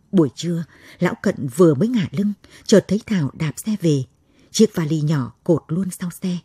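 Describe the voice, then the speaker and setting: Husky, low-voiced woman storyteller. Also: mellow, no room sound. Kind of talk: scripted story narration.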